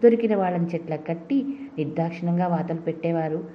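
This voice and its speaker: A woman's voice: fairly low pitch, fast talker, lightly acted. A woman voicing an aggrieved adult male beggar in a storybook reading, grim in tone. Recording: dull lo-fi recording.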